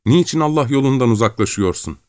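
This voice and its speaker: A man voicing a frightened, pious young peasant who begs tearfully in a high voice. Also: animated, quick pace, no room sound, clean studio sound, natural voice. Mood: pleading. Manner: tearful, begging, voice climbing high.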